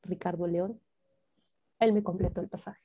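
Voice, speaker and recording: A woman's voice: fairly low pitch, steady tone, normal speed, slightly rough, no echo, highs cut off. A woman from Peru, a podcast guest telling her personal story earnestly and acting out her past thoughts in quotes.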